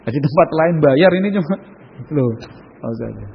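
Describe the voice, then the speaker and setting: Husky preacher in an echoing hall. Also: male voice, fairly high pitch, animated, moderate pace. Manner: chatty, asks the audience for agreement, slips into Javanese. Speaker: Islamic preacher. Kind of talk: casual religious study talk. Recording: dull lo-fi sound with long hall reverb.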